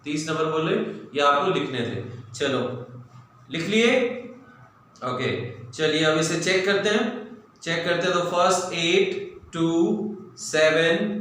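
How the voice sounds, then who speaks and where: A man teaching a quick mental math drill, dictating numbers briskly and repetitively. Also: a little high, bright, forceful tone. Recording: echoey room, faint ambient noise.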